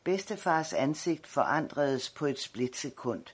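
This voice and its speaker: A man narrating an audiobook, calm and measured. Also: fairly high pitch, breathy edge.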